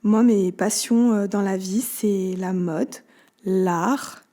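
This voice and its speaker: Hesitant young Swiss woman, mellow voice. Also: medium pitch, steady tone, slow. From Switzerland. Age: 20s. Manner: hesitant, many fillers. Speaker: podcast guest. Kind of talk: conversational interview.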